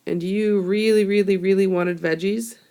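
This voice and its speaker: Hoarse from a cold, a young woman records a chatty history screencast for her class into a tablet microphone, leaning on fillers as she explains. Her medium-pitched voice is mellow and clean, with fairly even intonation at a moderate pace.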